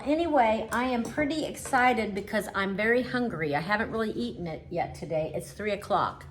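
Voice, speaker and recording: A woman's voice: on the low side, fairly bright tone, slight background noise. A middle-aged woman hosting her own home cooking vlog, chatting through each step and tasting the food as she talks. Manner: chatty, homey, tastes food on camera, talks with mouth full. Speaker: home cooking show host.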